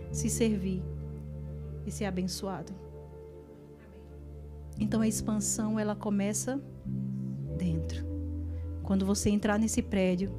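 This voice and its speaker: A middle-aged woman minister, preaching a sermon in a church, moving between fervent proclamation and chatty storytelling. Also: mid-range voice. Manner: animated, preaching fervently then telling a story conversationally.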